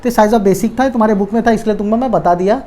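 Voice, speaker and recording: A man's voice: high voice, fast talker, warm tone. A man teaching a casual coding lesson, who keeps asking and answering his own questions and repeats the key words. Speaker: programming tutor.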